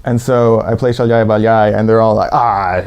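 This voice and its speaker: A man from the USA with an American accent, telling a personal story in a lively way and acting out what people said. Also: on the low side, a little fast, gravelly, clear, resonant tone. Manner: lively anecdotal, acts out quotes.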